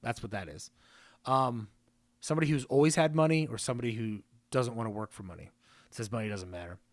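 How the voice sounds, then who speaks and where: A man's voice: mid-range voice, a little fast, dry recording. A man hosting a live stream, chatting casually, joking and reading viewer comments aloud. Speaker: livestream host.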